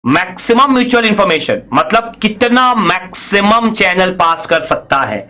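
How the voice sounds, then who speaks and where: A man's voice: sits high, lively intonation, moderate pace, pushed and bright. A man giving a recorded engineering lecture, explaining step by step, asking and answering his own questions, and mixing in English technical phrases.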